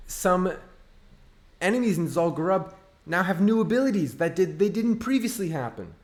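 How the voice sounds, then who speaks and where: A man giving casual gameplay commentary as a streamer, ranting in an exasperated, sarcastic way. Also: fairly high pitch. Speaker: online game streamer.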